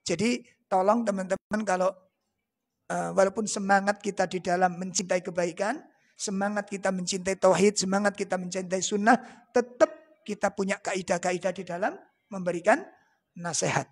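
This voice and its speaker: Male preacher, Javanese accent, husky gravelly voice, jokey, quizzes the crowd. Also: high-pitched, steady tone, moderate pace. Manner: joking, asks the audience rhetorical questions. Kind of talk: religious lecture.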